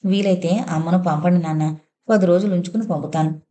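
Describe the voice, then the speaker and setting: A woman's voice: on the low side, steady tone, fairly quick, mellow, lightly acted. A woman reading a story, voicing a young husband who teases his wife with playful questions. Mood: teasing. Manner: joking, questioning. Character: young husband, teasing and easygoing.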